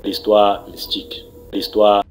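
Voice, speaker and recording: A man's voice: on the low side, completely flat delivery, slow, a little hiss or hum, rough recording. A man from Cameroon sending a recorded message, preachy in tone, stumbling and repeating words as he urges listeners to pray. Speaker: story contributor. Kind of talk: recorded voice message telling a mystical story.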